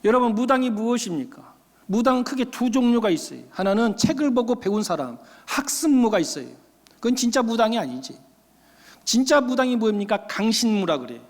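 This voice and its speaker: A male pastor tells stories from the pulpit in an emphatic, folksy way, often dropping into casual speech. His voice sits high for a man. A long church-hall reverb follows every phrase. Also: sing-song, a little fast. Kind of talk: sermon with storytelling. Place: church sanctuary.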